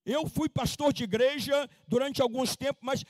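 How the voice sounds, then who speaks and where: A missionary preacher in his seventies, from Minas Gerais, delivers a sermon in a strikingly high voice. He reads scripture slowly and stresses his points with fervor. The sound is dry and close, with no room echo. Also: fairly even intonation. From Minas Gerais, Brazil. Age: 70s. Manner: slow emphatic scripture reading, rising to fervent preaching. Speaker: missionary pastor.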